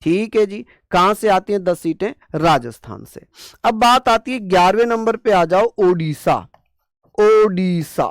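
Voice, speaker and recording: A man with a smooth, high-pitched voice and no room sound teaches an online exam-prep coaching class. He asks questions and answers them himself in a repetitive call-and-response style. Playful mnemonics and scolding asides pepper the lesson.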